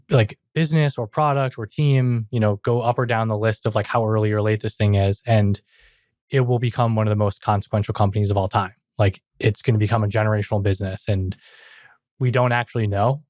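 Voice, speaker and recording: A man's voice: fairly low pitch, a little mellow, dry recording, dull audio. A young man hosting a podcast, chatting and asking questions in a casual, talkative way. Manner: chatty, questioning, uses "like" often. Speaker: podcast host.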